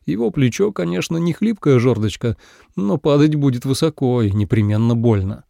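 A man narrating an audiobook in a wry, expressive storytelling manner. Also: mid-range voice, moderate pace, vocal fry, no echo, clean studio sound.

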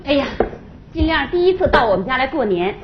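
A woman's voice: sits high, very animated, brisk, lo-fi sound, a little hiss or hum. A woman playing a bustling, hospitable wife who keeps the peace in a stage comedy sketch. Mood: coaxing. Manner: bustling, coaxing.

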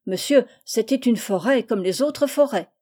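Reluctant, embarrassed schoolboy, voiced by a woman reader, slow, mumbling, storybook. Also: medium pitch, mellow, natural voice. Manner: hesitant, mumbling.

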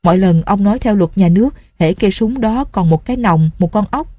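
A humble old servant in a spoken story, eager to please his master and pleading his loyalty, as a woman narrator puts him on. The voice is husky and mellow. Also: medium pitch, expressive, brisk, no room sound, natural voice. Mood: earnest. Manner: pleading and deferential.

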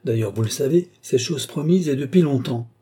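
A man's voice: mid-range voice, a little fast, warm tone, slightly rough, pitched above the performer's own voice, close to an everyday voice. A man voicing an anxious elderly noble widow who pleads her lawsuit, in an audiobook reading. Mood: pleading. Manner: pleading, insistent.

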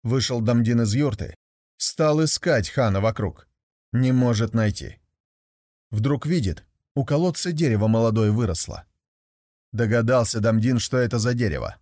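A man reads a folk tale aloud at a measured pace, with a voice of ordinary pitch. The recording is dry and close. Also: a little mellow, dry recording. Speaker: narrator.

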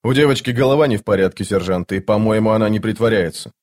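A man's voice: fairly low pitch, fast talker, darkish tone, lightly acted. A man doing a stern, commanding army captain.

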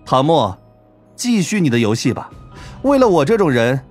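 A man's voice: on the high side, sing-song, moderate pace, soft background music. A man voicing a scheming young woman who speaks in a mocking, cold, taunting way. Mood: sarcastic.

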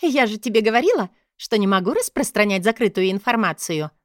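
A coy, evasive young noblewoman speaks in a high, sugary, light voice, dodging every question. A woman narrator puts her on, lifting her pitch. The recording is close and dry, with no room sound. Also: very animated, fairly quick, no echo, lightly acted. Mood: sweet.

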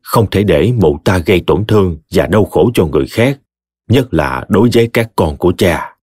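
A man voicing a stern, indignant elderly father who speaks gravely and firmly. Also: low-pitched, expressive, normal speed, darkish tone, no echo, clean studio sound. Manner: grave, firm.

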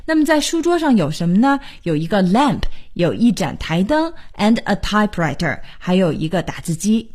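Radio English teacher, woman, very animated pitch, patient and encouraging, spells letter by letter. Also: slightly rough. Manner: spells words slowly letter by letter, lively and encouraging. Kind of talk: radio English lesson, spelling and explaining words. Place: radio studio.

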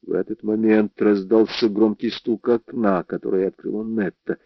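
A man with a fairly low voice narrates a first-person crime story, measured and tense, often dropping to a hush. The recording is dry and slightly dull. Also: level tone, dry recording. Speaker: audiobook narrator.

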